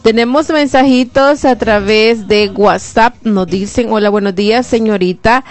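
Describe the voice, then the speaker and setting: Soft music plays behind a woman whose voice leans high and unhurried. She hosts a live radio program in a studio, speaking with a Salvadoran Spanish accent, chatting amiably, greeting listeners and reading their notes aloud.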